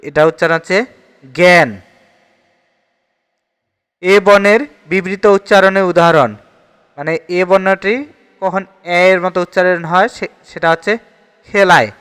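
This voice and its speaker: A man's voice: high-pitched, fairly bright tone, clean tone, long reverb tail. A man with a Bangladeshi Bengali accent teaching an exam-prep grammar lesson, steadily reading each question and repeating the answer.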